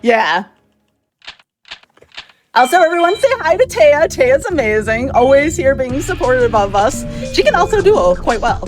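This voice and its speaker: A woman's voice: sits high, very animated, unhurried. A woman giving chatty, upbeat live commentary on her own speedrun, laughing often. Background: game music.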